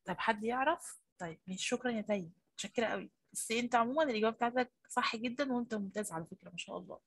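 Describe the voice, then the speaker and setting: A primary school teacher with an Egyptian Arabic accent coaxes and praises her young pupils during an online class, her voice slightly husky. She pitches on the high side and talks rapid-fire, in a dry recording.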